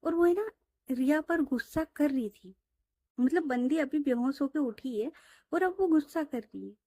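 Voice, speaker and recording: A woman's voice: high-pitched, moderate pace, mellow, no room sound, studio quality. A woman casually narrating a romance audio story, retelling scenes in a chatty way. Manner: conversational, retelling with "she says" tags.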